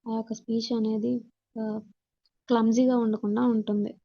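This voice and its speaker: In this slide-based lesson, a woman with a Telugu accent acts as instructor, reading points and explaining them repeatedly in Telugu and English. Her pitch is on the high side and her delivery flat at a moderate pace. High frequencies are cut off.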